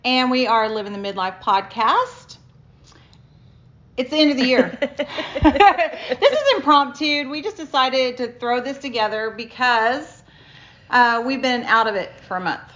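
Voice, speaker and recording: A woman's voice: fairly high pitch, moderate pace, fairly bright tone, highs cut off. A middle-aged woman co-hosting a podcast in casual chat, laughing often, recorded on a phone. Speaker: podcast co-host.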